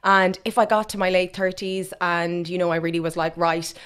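A woman's voice: on the low side, steady tone, brisk, a bit bright, clear, resonant tone. A woman in her thirties from Westmeath with an Irish Midlands accent, talking candidly as a podcast guest and repeating words for emphasis. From Westmeath, Ireland. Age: 30s. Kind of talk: candid conversational interview.

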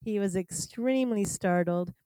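A woman guest tells a story from her first job, chuckling along as she talks. Her voice is mellow and warm, and the recording is dry with no room echo. She speaks at a medium pitch. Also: normal speed. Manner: chuckles through her stories. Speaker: interview guest, tourism leader. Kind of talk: anecdotal storytelling.

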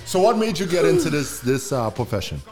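A man's voice: a little high, wildly swooping pitch, fairly quick, darkish tone. A man interviewing someone in casual, informal, slangy conversation. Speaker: host asking questions. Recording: music behind the voice.

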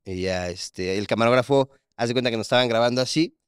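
A man's voice: mid-range voice, fast, clear, resonant tone, no room sound, studio quality. A young man with a Mexican accent, co-hosting a casual podcast, who tells stories animatedly and acts out the lines of the people in them. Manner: animated storytelling, acts out quotes. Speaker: podcast co-host. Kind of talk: casual chat.

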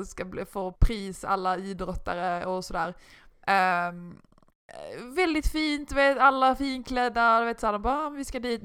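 A young woman in her twenties co-hosting a casual podcast, a lively storyteller who acts out what people said. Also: medium pitch, clear, resonant tone. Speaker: podcast co-host, basketball player.

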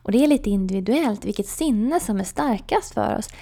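A woman coach telling a personal story and explaining an idea in a calm storytelling way, with soft whispered asides. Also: medium pitch, vocal fry.

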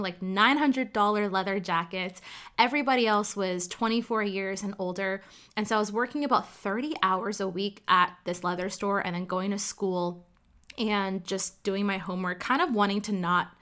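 A candid woman from Ottawa, Canada, whose first language is Cantonese, tells a personal story in a casual, conversational way, often dropping in "like" as a filler. Her voice is medium-pitched, bright and forceful, at a moderate pace.

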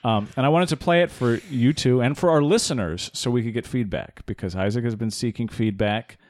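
A man's voice: medium pitch, a little fast, a little mellow, no echo, studio quality. A man co-hosting a podcast and introducing clips in casual chat.

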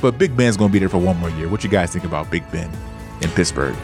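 Energetic male sports podcast host over music. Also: low-pitched, fast. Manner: energetic, emphatic. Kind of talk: casual sports talk show hosting.

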